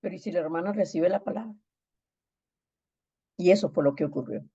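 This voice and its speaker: A woman's voice: on the low side, a little fast, mellow, breathy edge, muffled recording. A woman pastor preaching a sermon, emphatic and repeating phrases for stress.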